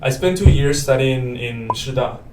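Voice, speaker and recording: A man's voice: mid-range voice, animated, moderate pace, distant mic. A young man in his twenties from Paraguay, a native Spanish speaker, chatting as a student guest in a friendly, rambling way with many fillers and restarts. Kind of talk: casual interview chat. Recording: roomy, off-mic with faint noise.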